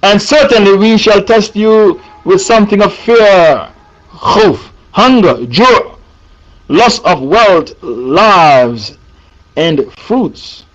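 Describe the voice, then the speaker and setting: A man's voice: high-pitched, lively intonation, extremely slow, a bit bright, dull audio. A man preaching a sermon, emphatic and repeating his points for the listeners.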